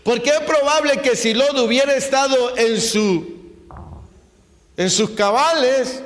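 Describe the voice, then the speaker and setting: A man preaching a sermon as pastor, asking rhetorical questions and mimicking the people he quotes. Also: very high voice. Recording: long hall reverb.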